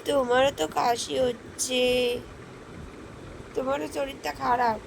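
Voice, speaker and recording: Hoarse high-voiced mom with a cough, slow sing-song baby talk, playful scolding. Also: female voice, noisy background. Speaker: mother talking to her baby son.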